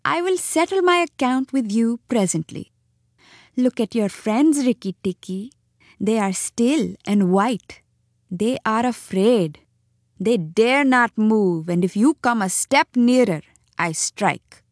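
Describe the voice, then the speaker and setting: A woman voicing a menacing, vengeful female cobra with a slow, hissing delivery in a storybook reading. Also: a little high, animated, no echo, studio quality, pitched above the performer's own voice.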